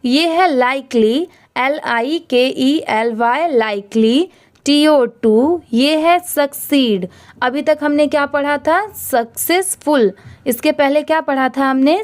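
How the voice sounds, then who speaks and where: A woman teaching English reading who spells words letter by letter and then blends them, explaining patiently and with encouragement. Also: sits high. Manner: patient, encouraging explanations with many rhetorical questions.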